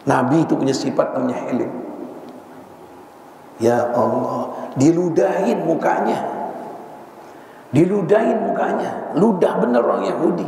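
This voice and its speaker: A man with a Jakarta Betawi accent preaching a morning sermon, animated and acting out household quarrels in mock voices. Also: on the high side, unhurried, creaky, pauses often. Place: mosque hall. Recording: echoey hall, distant mic, faint hiss.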